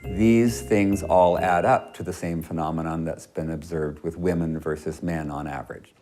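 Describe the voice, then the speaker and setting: Man, linguistics researcher, low voice, precise, demonstrates sounds, faint music behind. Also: fairly even intonation, normal speed, dark tone. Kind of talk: interview explanation.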